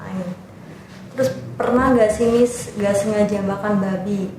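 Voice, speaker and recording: A woman's voice: medium pitch, fairly even intonation, normal speed, darkish tone. A young woman hosting a casual podcast interview, asking short questions and repeating answers back. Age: young adult. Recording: distant, very echoey room with faint noise.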